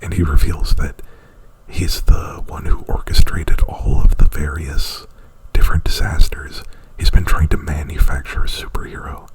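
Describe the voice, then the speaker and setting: A man with a bass voice whispers breathily right up against the microphone in a casual ASMR clip, rambling through an informal retelling full of "like" and profanity. His intonation stays fairly even at a normal speed, and the recording sounds rough.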